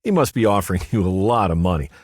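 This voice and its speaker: A man voicing an outraged male federal lawyer who yips his protests in a shrill, incredulous voice. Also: animated, fast talker, slightly rough, no echo, studio quality. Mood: indignant.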